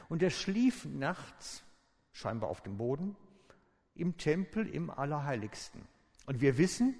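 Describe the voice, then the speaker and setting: A man giving a sermon in a relaxed, conversational storytelling way, with informal asides to his listeners. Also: mid-range voice. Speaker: preacher. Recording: echoey hall with long reverb.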